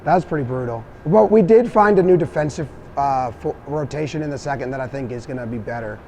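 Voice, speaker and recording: A man's voice: medium pitch, quick pace, warm tone, slight background noise. A team captain answering postgame questions candidly, blunt about his own mistakes. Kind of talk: postgame press conference.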